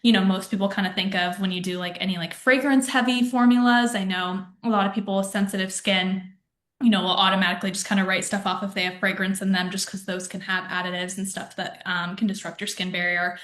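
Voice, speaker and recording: Young woman, brand rep, relaxed chatty delivery, roomy echo on the mic. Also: medium pitch, fast. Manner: chatty, many fillers like um and you know. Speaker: skincare brand representative. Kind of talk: casual informative talk. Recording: echoey room.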